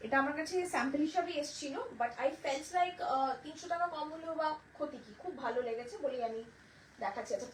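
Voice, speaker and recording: A woman from Bengal hosting a live saree sale, chatty and mixing Bengali with English as she greets viewers by name. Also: high voice. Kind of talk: live-stream sales pitch. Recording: echoey room, distant mic, faint noise.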